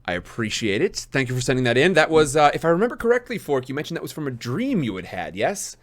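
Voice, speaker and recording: Deep, lumberjack-voiced man chatting on a livestream. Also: big pitch swings, fast. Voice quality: deep, lumberjack-like voice, deeper than usual today. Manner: rambling, appreciative, often thanking. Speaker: host reading listener-submitted scripts on a livestream. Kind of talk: casual livestream chat.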